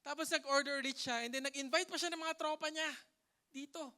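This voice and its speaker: A man with a Filipino accent preaching a lively, playful sermon that mixes Tagalog and English, joking with the congregation and swinging between loud emphasis and soft asides. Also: extremely high pitch, a little fast. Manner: playful, jokes with the congregation and laughs. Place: church hall.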